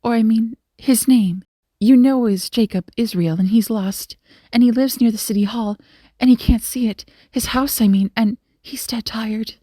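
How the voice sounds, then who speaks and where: A woman voicing a dainty young schoolteacher in a storybook, talking in a bright, quick, flustered way. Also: on the high side, no echo, studio quality, voice pushed up, lightly acted. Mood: eager.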